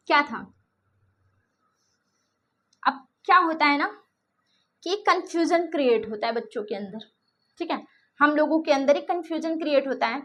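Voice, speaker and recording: A woman's voice: high voice, sharp tone. A woman teacher explaining a grammar lesson, speaking examples, often repeating herself and checking that students follow. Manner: repetitive, checks understanding often.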